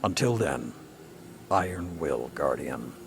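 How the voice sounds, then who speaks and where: An actor playing a stern, battle-hardened old warlord commander in a video game, solemn and weighty, with a deep gravelly voice. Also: male voice, big pitch swings, slow, full character voice. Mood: solemn, reflective. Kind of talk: dramatic video game dialogue. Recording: music behind the voice.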